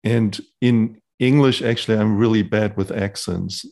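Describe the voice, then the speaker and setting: A German-accented man talks in a lively, rambling way and often breaks off into asides. His voice is low and gravelly, with plenty of fry. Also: measured pace. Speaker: podcast co-host. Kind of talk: casual conversation.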